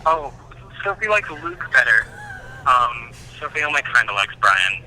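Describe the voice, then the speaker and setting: A man's voice: medium pitch, sing-song, a little slow, pushed and bright. A man in his twenties calling in, heard through a phone on speaker held up to the mic, chatting in an easygoing, reassuring way. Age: 20s. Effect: phone call on speaker, held up to the studio mic. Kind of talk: casual chat.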